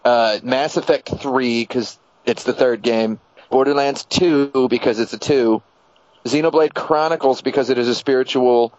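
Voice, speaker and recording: A man's voice: mid-range voice, moderate pace, a little mellow, no echo. A man co-hosting a podcast, bantering in a joking, mock-serious way. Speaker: podcast co-host. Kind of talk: casual comedic chat. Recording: dull lo-fi audio.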